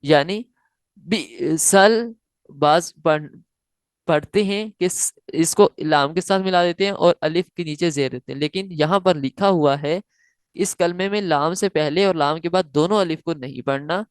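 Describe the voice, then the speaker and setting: Slow lady quran teacher, lowish voice, dry close sound, explains a rule then chants the example over and over. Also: dry recording. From South Asia. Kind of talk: slow step-by-step lesson with recited examples.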